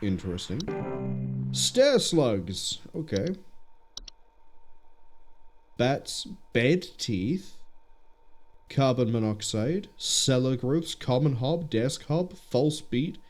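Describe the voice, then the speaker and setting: Male game streamer, medium pitch, casual thinking-aloud commentary over quiet music. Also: lively intonation, very slow, long pauses. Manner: musing aloud, reading on-screen text. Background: faint music.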